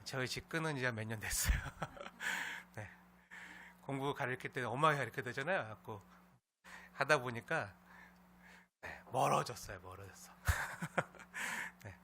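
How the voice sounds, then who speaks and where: A man's voice: medium pitch, unhurried, a little hiss or hum. A man preaching as pastor to his congregation, telling a story and leaning on a habitual "ne" between phrases. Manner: warm storytelling with frequent "ne" fillers and scolding imitations. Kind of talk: sermon. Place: church sanctuary with congregation.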